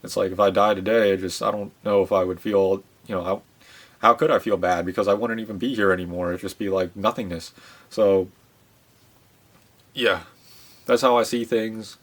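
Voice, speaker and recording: A man giving a casual monologue to his audience, speaking in a subdued, reflective way with many pauses, fillers and restarts. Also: fairly low pitch, steady tone, a bit bright. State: subdued, low-spirited. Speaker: channel host.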